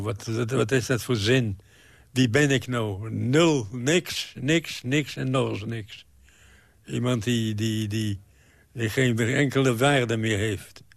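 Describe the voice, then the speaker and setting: A man in his nineties speaks haltingly in an interview, his gravelly voice repeating words as he hunts for the next one. The sound is close and dry, with no room around it. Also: medium pitch, no room sound. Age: 90s.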